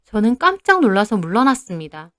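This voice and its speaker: A woman's voice: medium pitch, big pitch swings, fairly quick, a bit bright, no echo, studio quality. A young woman narrating her own story in the first person, in a plain confessional way.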